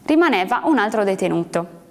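A woman narrating a literary story aloud in a measured, expressive reading. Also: mid-range voice. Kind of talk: audiobook reading of literary fiction. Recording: long hall reverb.

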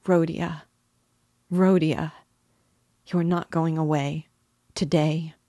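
For an audiobook, a woman voices an anxious, tearful middle-aged mother pleading emotionally with her son and breaking into sobs. Her voice is low-pitched, mellow, slow, and fairly even in intonation, recorded in a clean studio with no room sound.

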